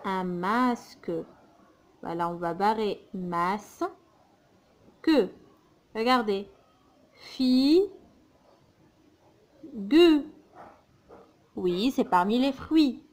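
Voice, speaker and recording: A woman teaching a children's phonics lesson, slowly and patiently spelling out sounds and syllables. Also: mid-range voice, lively intonation.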